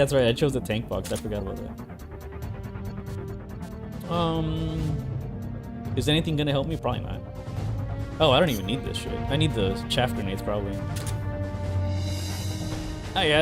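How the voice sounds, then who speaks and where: A young man streaming a video game, rambling in casual commentary, laughing often and swearing casually. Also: fairly high pitch. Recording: game music playing behind.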